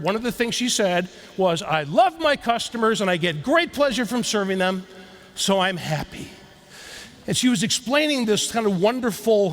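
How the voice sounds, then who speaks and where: A man giving a keynote talk, telling a story and leading the audience in drills. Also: sits high. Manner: animated, leads audience drills. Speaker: keynote speaker. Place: large hall before a live audience.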